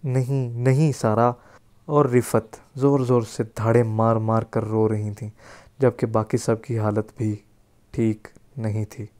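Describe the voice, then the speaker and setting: A man reading a dramatic horror story as storyteller, expressive and measured. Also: on the low side, no room sound.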